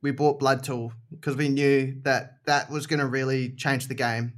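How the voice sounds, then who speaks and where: A man's voice: medium pitch, flat delivery, a little slow, a bit bright. A man chatting casually as a podcast guest, explaining things informally and repeating short phrases for emphasis. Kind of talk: casual chat.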